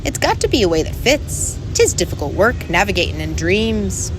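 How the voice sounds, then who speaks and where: A woman's voice: mid-range voice, big pitch swings, moderate pace, over music, natural voice, poor audio. A woman voicing a tiny, brash male fairy clan leader with a Scottish accent and a bossy, boastful manner, in a storybook reading. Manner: boastful, bossy, dialect-heavy talk.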